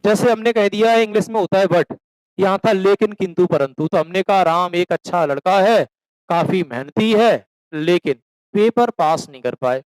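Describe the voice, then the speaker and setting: High-voiced male coaching teacher. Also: moderate pace, darkish tone, smooth, dry recording, poor audio. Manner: calls students beta, asks and answers own questions; slips into rural dialect for examples. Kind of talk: classroom lecture.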